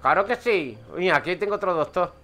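Lively and fairly quick, this Madrid-born streamer's high-pitched voice sounds pushed and bright as he chats through a game over soft background music. He talks with a Madrid Spanish accent into his headset, cursing and cracking himself up with his own anecdotes.

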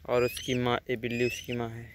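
A man's voice: medium pitch, monotone, a little fast, slight background noise. A man vlogging casually outdoors near trees and a farm, chatty and always telling viewers to look. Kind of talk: casual vlog narration. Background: birds and animals calling.

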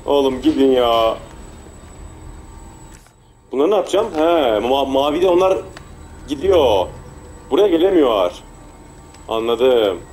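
A man talks his way through a game in a casual, mumbling voice. His pitch sits in the ordinary middle range, and a faint noise floor runs under the recording. When danger hits, he gets rushed and loud. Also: animated. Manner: mutters to himself, turns frantic and shouty when chased. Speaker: gameplay commentator. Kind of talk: casual let's play commentary.

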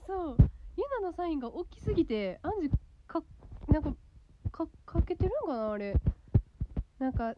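A woman with a Kansai accent chatting casually on a livestream, reading out viewer comments and now and then dropping to a soft whisper. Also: a little high, dull audio, very noisy. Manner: chatty, reads comments aloud, drops to a soft whisper at times.

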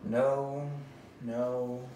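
A very echoey, distant recording of a young man performing a dramatic reading. He speaks slowly and plays it up like a hammy stage actor, drawing out theatrical pauses with mock seriousness. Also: mid-range voice, flat delivery, dark tone. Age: young adult. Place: indoors in a bare, echoey room. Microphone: distant camera microphone. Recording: very echoey room, far microphone, faint noise.

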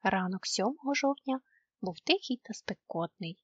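A woman's voice: medium pitch, animated, moderate pace, a bit bright, breathy edge, no room sound, dull audio. Woman reading a children's story.

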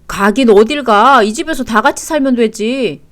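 A woman's voice: a little high, very animated, moderate pace. A woman voicing an angry, entitled middle-aged husband who talks indignantly in a read-aloud story. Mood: defensive. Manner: shouting, indignant.

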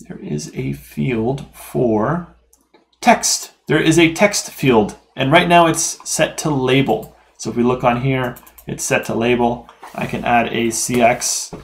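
A man hosting a programming tutorial, talking casually through the code with fillers and self-corrections as he works. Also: medium pitch. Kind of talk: screen-recorded coding lesson.

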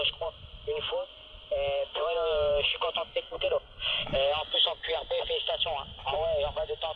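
Man on a noisy walkie-talkie. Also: a little high. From northern France. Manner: uses radio call signs and jargon. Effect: heard over walkie-talkie radio. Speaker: amateur radio operator. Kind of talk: casual radio contact chat over walkie-talkie. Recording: muffled, noisy two-way radio transmission.

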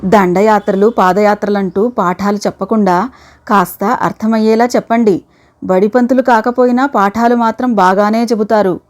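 A woman voicing a fretful, sharp-tongued older wife, sarcastic and anxious, in a read-aloud story. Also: on the high side, normal speed, natural voice.

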